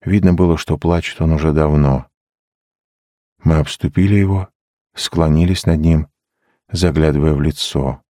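Male audiobook narrator, very low voice, dry close sound, measured reading. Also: steady tone, dark tone, no room sound. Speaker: audiobook reader. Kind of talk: scripted narration.

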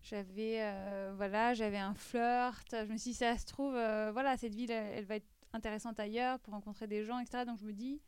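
Woman podcast guest, higher mellow voice, hesitant and reflective, dry close mic. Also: steady tone, fairly quick, hardly any pauses, clear, resonant tone, no room sound. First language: French. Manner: reflective, many hesitations and restarts. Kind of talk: podcast interview.

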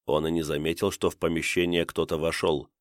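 A man reading an audiobook as narrator in steady, tense storytelling. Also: a bass voice, a little fast, no echo, clean studio sound.

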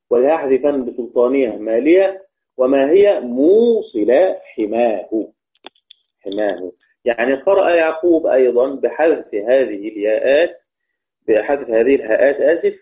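A man with an Egyptian accent gives a patient recitation lesson in a mid-pitched voice. He repeats each key word and checks his listeners with quick questions. The recording sounds thin and phone-like. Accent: Egyptian Arabic. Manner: repeats key words, asks students questions. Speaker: Quran recitation teacher. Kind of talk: explanatory lesson. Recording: tinny phone-like audio.

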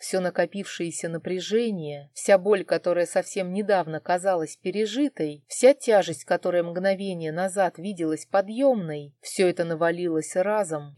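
A woman narrates a fantasy novel in the first person with expressive storytelling. Her voice is mellow and warm. The recording is dry and close. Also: fairly low pitch, dry recording. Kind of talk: audiobook reading.

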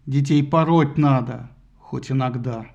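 A lofty god drawls slowly in a lowered, contemptuous voice, as a man acts him out in a storybook reading. Every word sounds condescending. The recording is dull and lo-fi. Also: fairly even intonation, vocal fry, a little mellow. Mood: mocking. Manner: slow, lofty, mocking. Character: haughty male god, disdainful and condescending.

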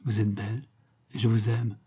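A man's voice: lowish voice, measured pace, mellow, husky. A man doing a melodramatic young lover. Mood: ardent. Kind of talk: audiobook character reading.

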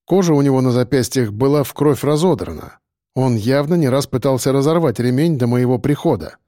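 A man narrating a tense first-person audiobook in a steady storytelling manner. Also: mid-range voice, a little fast, no echo, studio quality.

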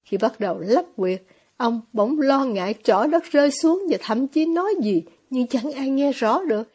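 A woman narrating a novel as an audiobook, reading in a steady storytelling manner. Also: high voice, normal speed, slightly rough.

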